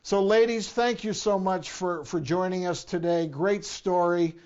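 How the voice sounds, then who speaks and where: A man's voice: high voice, a little slow, a little mellow, smooth. A man presenting and interviewing as host of a TV talk show, in slightly dull sound.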